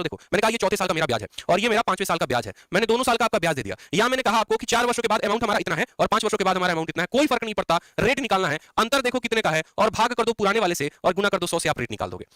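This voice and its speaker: A man teaching an exam-prep math lesson, drilling students with quick repeated questions. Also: high-pitched, fairly bright tone, no room sound, studio quality.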